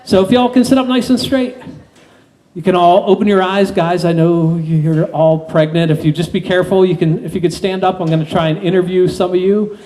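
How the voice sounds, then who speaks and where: A man's voice: high voice, fairly even intonation, a little fast, mellow, low-quality recording. A man hosting a live stage hypnosis show, giving instructions to volunteers conversationally and repeating his phrases, over an amplified mic. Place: open-sided pavilion stage at night.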